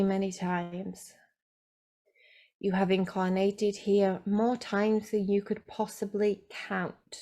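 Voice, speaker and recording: A woman channeling a serene male ascended spirit, speaking slowly and gently, repeating phrases as a spiritual message. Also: mid-range voice.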